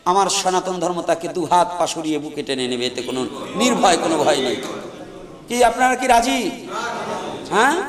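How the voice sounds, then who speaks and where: Fervent man preaching over echoey PA. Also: very high-pitched. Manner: fervent, leads chanting of a mantra. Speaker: Vaishnava preacher leading a reconversion ceremony. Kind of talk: preaching address to a village gathering. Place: outdoor village gathering, mic passed around. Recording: echoey, reverberant, distant live PA sound.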